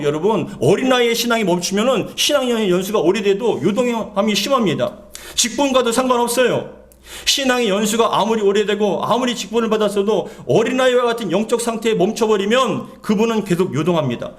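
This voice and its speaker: A male pastor preaching a Sunday sermon to his congregation, repeating key phrases and asking the listeners questions. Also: sits high. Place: church sanctuary.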